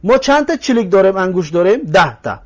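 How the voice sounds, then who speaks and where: High-voiced man with a Tajik accent teaching. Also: sing-song, dull audio. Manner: patient, repeats words slowly to drill them; addresses listeners directly, asks if they follow. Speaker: Arabic language teacher. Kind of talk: recorded language lesson.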